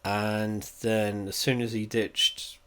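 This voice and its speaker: A man's voice: on the low side, little pitch movement, slow pace, pushed and bright, clean tone. Congested, rambling man. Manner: meandering, profane, wry. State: congested, coughing. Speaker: home reviewer. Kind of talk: rambling casual review. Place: at home indoors.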